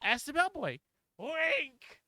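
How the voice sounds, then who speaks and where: Woman doing a high, whiny young woman witness, coy sing-song, bright tone, lively. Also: takes it slowly, slight background noise, exaggerated voice. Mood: smug sing-song. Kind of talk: live game voice-over reading.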